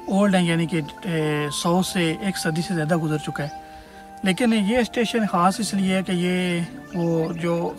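A man, guiding viewers outdoors in a casual vlog and explaining at length with many hesitant fillers. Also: fairly high pitch. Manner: louder and more energetic while walking through the brush. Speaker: travel vlogger. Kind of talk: casual tour-guide vlog. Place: outdoors in open scrubland by an old stone bridge.

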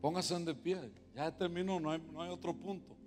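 A man preaching a sermon as pastor, moving from quiet confiding talk to loud, impassioned preaching and slipping in English words. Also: a little high, normal speed. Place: large church hall. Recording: long hall reverb with music behind.

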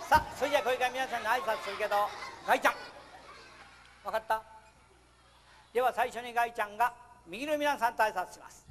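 Man running a kids' puppet show, high voice, playful, scolding, noisy live venue. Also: fast, pauses often, a bit bright, a faint crowd.

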